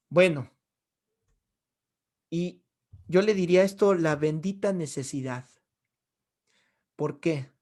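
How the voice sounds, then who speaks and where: A man's voice: on the high side, a little mellow. A man, a pastor giving a sermon in a conversational way, with frequent rhetorical questions.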